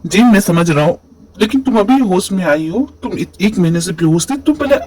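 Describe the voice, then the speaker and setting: A man voicing a caring young man in an amateur fan dub, gentle and reassuring. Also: high voice, expressive, fairly quick, very noisy. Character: caring young man beside his recovered love.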